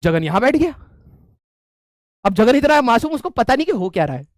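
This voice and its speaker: A man teacher telling a funny story to his class, animated and laughing often. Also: very high voice, fairly quick, no room sound, clean studio sound. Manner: animated, laughing, frequent filler checks.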